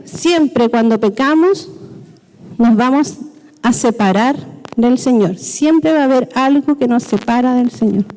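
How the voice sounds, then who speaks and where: Lady preaching a sermon, high voice, lots of hall echo. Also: warm tone. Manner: explanatory, checking in with the congregation. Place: church hall. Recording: long hall reverb.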